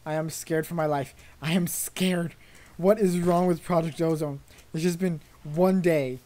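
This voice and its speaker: A woman's voice: sits low, fairly even intonation, a little slow, mellow. A young woman commentating her gameplay casually, easily frightened and exclaiming in panic.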